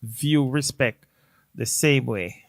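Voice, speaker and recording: A man's voice: mid-range voice, takes it slowly, vocal fry, no room sound, studio quality. A man co-hosting a casual live-stream chat with his wife, speaking thoughtfully and hesitantly, with many fillers and restarts. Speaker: co-host.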